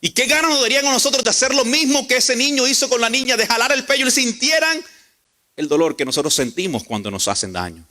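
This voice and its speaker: A man's voice: extremely high pitch, sing-song, quick pace, bright, forceful tone. A male pastor preaching a sermon and telling stories, acting out the characters as he goes.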